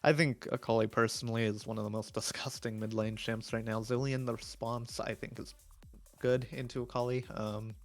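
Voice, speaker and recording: A man giving live esports draft analysis, chatty and opinionated with many fillers, his voice going hoarse. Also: medium pitch, flat delivery, brisk, faint music behind. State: losing his voice.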